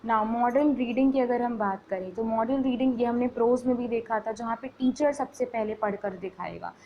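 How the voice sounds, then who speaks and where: Hindi-English mixing woman lecturer, fairly high voice. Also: moderate pace, lo-fi sound, slight background noise. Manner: explanatory, with a frequent "theek hai" tag. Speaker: teacher-training lecturer.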